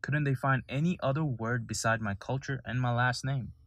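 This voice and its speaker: A man's voice: mid-range voice, normal speed, fairly bright tone, no room sound. A young man from Nepal hosting a solo podcast, telling his story in an earnest, sometimes indignant way. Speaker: podcast host.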